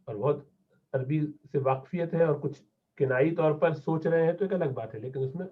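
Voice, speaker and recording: A man gives a classroom-style Arabic lesson, a touch higher than most men. He repeats each word slowly and patiently for his learners. The sound is thin and tinny, like a phone line. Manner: patient, repeats words slowly to drill pronunciation. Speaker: Arabic teacher.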